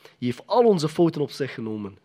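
A man's voice: a little high, big pitch swings, a little fast, warm tone. A man preaching a sermon in a conversational, emphatic way, often putting questions to the congregation.

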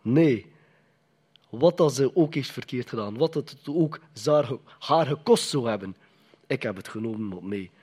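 Preacher guy, husky voice, chatty sermon, keeps asking the church questions. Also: medium pitch, animated, unhurried, a little mellow. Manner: conversational, emphatic, asks the congregation questions.

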